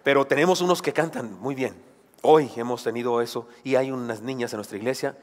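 A man's voice: mid-range voice, fairly quick. A man preaching a sermon, emphatic, with rhetorical questions and joking asides. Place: church sanctuary. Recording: long church hall reverb.

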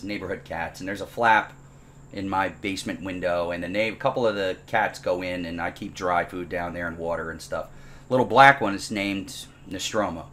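There's a little hiss or hum behind this low male voice. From his dining room table at home, a programming teacher warms up the class with a humorous story, lively and self-deprecating, stretching things for comic effect.

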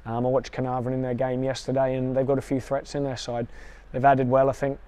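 Fast-talking football coach, dark flat voice. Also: male voice, medium pitch. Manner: measured, talks in quick runs with restarts. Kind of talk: post-match interview. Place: outdoors beside a football pitch.

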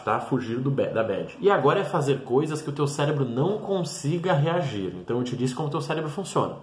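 A man talking bluntly and emphatically straight to the viewer in a motivational monologue. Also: mid-range voice. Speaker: mentor and vlogger. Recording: roomy echoey room.

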